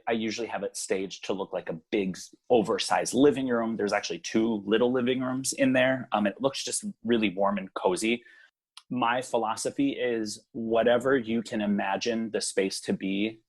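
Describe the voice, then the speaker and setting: Speaking at a normal pace in a husky, lowish voice, this young venue owner from Hawaii is an interview guest. His talk is loose and relaxed, full of ums and quick laughter.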